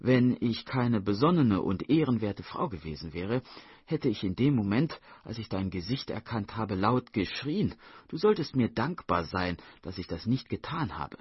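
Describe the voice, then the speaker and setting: A shrewd, proud middle-aged matchmaker insists on her own good conduct in emphatic tones, as a husky-voiced male narrator plays her. Her voice rises and falls with lively swings. The dry, slightly dull sound suggests a studio voice-over. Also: on the low side, normal speed, no room sound, full character voice. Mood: self-righteous. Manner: emphatic, self-righteous insistence.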